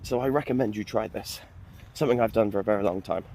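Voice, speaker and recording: A man's voice: lowish voice, fast talker, gravelly, mellow, slight background noise. A man vlogging on a walk with a phone held at arm's length, chatting in a rambling, joking, self-mocking way. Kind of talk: rambling casual vlog. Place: outdoors on a walk.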